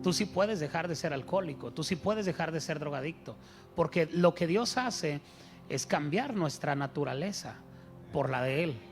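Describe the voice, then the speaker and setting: A man's voice: a little high, animated, normal speed, over music. A man preaching a sermon as pastor, telling stories and asking his congregation rhetorical questions.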